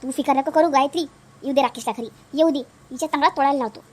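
A woman playing a whiny older cartoon mother-in-law, Vidarbha accent, very high squeaky voice, nagging and drawn-out. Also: natural voice. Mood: scheming. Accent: Vidarbha Marathi. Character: scolding older mother-in-law, complaining about her aches. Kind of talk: cartoon voice acting.

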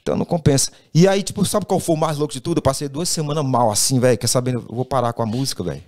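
Fast-talking man telling a story. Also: mid-range voice. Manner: animated, acts out quoted dialogue, says "velho" constantly. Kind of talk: casual storytelling.

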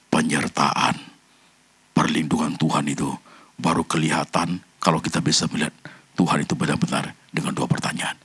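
A man preaching a sermon, addressing the congregation directly and swinging between loud high bursts and low quiet passages, dropping in English phrases. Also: slightly rough. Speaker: pastor.

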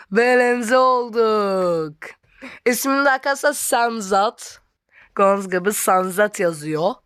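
A female gamer giving excitable let's-play commentary, talking straight to her viewers and breaking into loud frustrated outbursts. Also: fairly high pitch, no echo, clean studio sound. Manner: excitable, keeps addressing viewers as friends.

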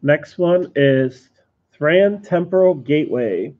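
A man's voice: on the high side, lively intonation, takes it slowly. A man co-hosting a live card sale, reading card names and prices and explaining strategy in a matter-of-fact way. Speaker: game store co-host. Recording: dull lo-fi stream audio.

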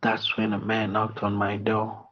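A middle-aged Rwandan man reading a personal apology in a slow, solemn, measured way, heard over muffled video call audio. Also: lowish voice, monotone, slight background noise. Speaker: interview guest.

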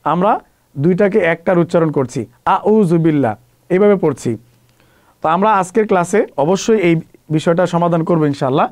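A man's voice: sits high, normal speed, darkish tone. A man from Bangladesh with a Bangladeshi Bengali accent teaches Quran pronunciation step by step, repeating each sound many times as a drill. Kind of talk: slow step-by-step pronunciation lesson.

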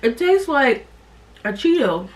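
A woman's voice: high voice, sing-song, slow pace. A woman vlogger talking while chewing in a casual, giggly taste-test chat. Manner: chatty, giggly. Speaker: vlogger tasting snacks. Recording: distant from mic, faint background noise.

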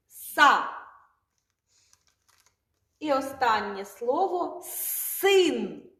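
A woman teaching a slow, sing-song speech lesson to small children, repeating each word clearly. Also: a little high, a bit bright. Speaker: kindergarten teacher. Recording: echoey room.

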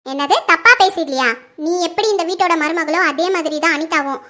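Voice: very high-pitched, fairly quick, pushed and bright. A performer voicing a stern middle-aged mother-in-law who questions and scolds firmly in a family drama skit. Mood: scolding.

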